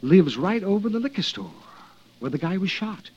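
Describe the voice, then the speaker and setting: A husky, fretful lawyer. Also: male voice, high voice, sing-song, normal speed, a little mellow, exaggerated voice. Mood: worried. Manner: hesitant, worried, wavering. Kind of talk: old-time radio drama acting. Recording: dull lo-fi old radio recording.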